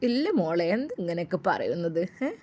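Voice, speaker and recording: A woman voicing an elderly grandmother who gently soothes and reassures in a low, soft voice. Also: sing-song, brisk. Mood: soothing. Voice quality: soft, lowered voice. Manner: coaxing, reassuring.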